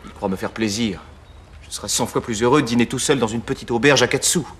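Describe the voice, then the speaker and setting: A man's voice: medium pitch, fast talker, close to an everyday voice. Male actor playing a proud young secretary in a period drama, earnest and restless, mid-range voice. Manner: earnest, heated when arguing. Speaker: young secretary Julien Sorel.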